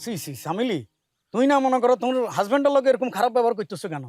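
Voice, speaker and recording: Casting note: eager village groom, high, quick, very animated delivery. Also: male voice, faint music behind. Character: excitable newly married village man, boastful.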